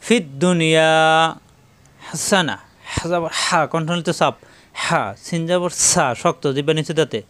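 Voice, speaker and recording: A man leads a tajweed lesson, sounding out letters one by one before chanting whole verses slowly. His voice is smooth and resonant and sits a little high. The recording is close and dry. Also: fairly even intonation, a bit bright, no room sound. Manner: spells out letters and vowels step by step, then chants verses slowly. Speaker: Quran recitation teacher.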